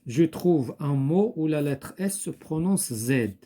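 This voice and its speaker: A man with a Moroccan accent teaching French spelling, slowly repeating each word and thinking aloud as he goes. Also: on the high side, lively intonation, warm tone. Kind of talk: slow classroom explanation.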